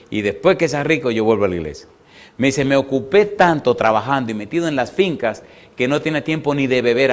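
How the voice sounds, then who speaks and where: A man, a pastor, preaching a sermon with repeated phrases, rhetorical questions to the congregation and a story told with voiced dialogue. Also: mid-range voice.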